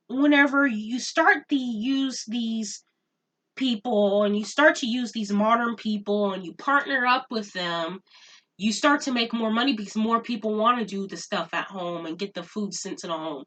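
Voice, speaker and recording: A young woman vents in a casual vlog, her fairly high voice bright and sharp. She sounds exasperated and circles back to repeat her points. She sits a little back from the camera mic, so the sound is slightly distant. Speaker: vlogger. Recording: voice a bit off-mic.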